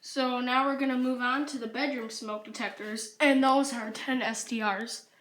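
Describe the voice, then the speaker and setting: High-voiced woman vlogging casually. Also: steady tone, moderate pace, a bit bright, low-quality recording. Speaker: host testing home alarms. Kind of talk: casual amateur vlog narration. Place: indoors in a house. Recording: faint noise, amateur home recording.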